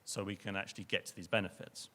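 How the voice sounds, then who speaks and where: A young man presents at a conference in a fairly low voice, speaking earnestly. He often backs up to repeat a word before pushing on. He sounds like he is addressing a room full of listeners. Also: little pitch movement, quick pace, sharp tone. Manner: earnest, repeats words and restarts. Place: lecture venue with audience.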